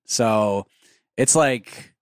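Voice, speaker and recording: A man's voice: lowish voice, drawn-out words, clean tone, no echo, studio quality. A man in his thirties co-hosting a podcast, rambling and hesitant in casual chat. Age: 30s. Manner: hesitant, rambling, lots of fillers. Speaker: podcast co-host.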